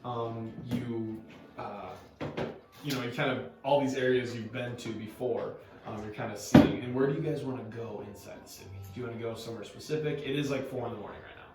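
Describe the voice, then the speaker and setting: A man's voice: mid-range voice, brisk. A man narrating a tabletop game as game master, in loose, filler-heavy speech. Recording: echoey room, far from mic, music behind.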